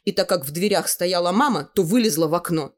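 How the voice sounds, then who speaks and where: Woman reading a story aloud, lowish voice. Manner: measured, expressive reading. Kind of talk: literary audiobook narration.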